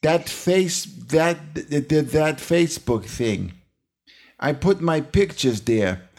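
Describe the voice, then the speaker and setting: A man's voice: fairly high pitch, expressive, takes it slowly, gravelly, a little mellow, pitched above the performer's own voice, full character voice. A man putting on the voice of a fussy older woman from a TV ad, in a sing-song, fussy way. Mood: mock-fussy.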